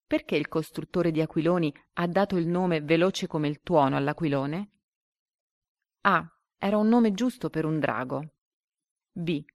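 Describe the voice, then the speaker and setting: A woman reading a story and then a comprehension quiz aloud like a teacher. She reads the quiz options slowly and deliberately. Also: low voice, a little mellow, no room sound, clean studio sound.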